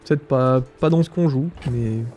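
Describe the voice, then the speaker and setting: A man's voice: mid-range voice, normal speed, mellow, highs cut off. A man with a stuffy nose, thinking aloud with many fillers as he comments on his gameplay. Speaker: gaming streamer.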